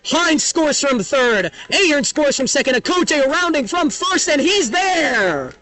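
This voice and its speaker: With a very high, bright and forceful voice that swings widely in pitch, a young man calls a baseball game radio-style. On big plays he stretches out his calls dramatically.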